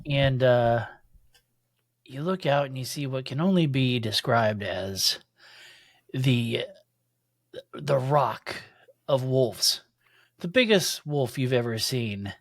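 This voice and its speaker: A man's voice: mid-range voice, expressive, slow pace, pauses often, no echo. A man chatting and telling a story casually as a podcast co-host.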